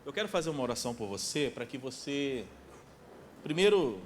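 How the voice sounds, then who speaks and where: A man in his forties preaching a sermon as pastor in a church, emphatic, repeating key phrases and dropping to a soft pleading tone. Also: medium pitch, sing-song, brisk, slight background noise. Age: 40s. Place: church sanctuary.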